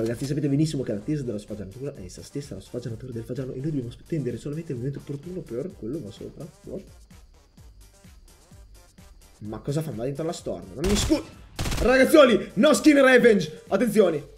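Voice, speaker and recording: A young man commentating his own gameplay as a channel host, excitable and jokey, jumping between loud outbursts and low muttering. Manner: jokey, sings and mocks opponents. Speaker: gaming YouTuber.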